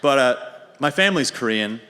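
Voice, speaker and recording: A young American man telling a dry, deadpan comic story about himself on a radio show. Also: mid-range voice, brisk. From United States. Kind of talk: humorous personal monologue. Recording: reverberant hall.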